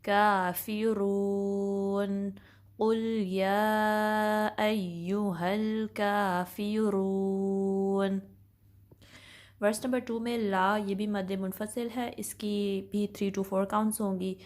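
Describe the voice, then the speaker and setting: A woman teaching a tajweed class, explaining pronunciation patiently and methodically and checking in often with her students. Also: mid-range voice. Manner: patient, methodical explaining with slow drawn-out demonstrations; frequent reassuring check-ins. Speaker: Quran recitation teacher. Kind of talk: tajweed lesson.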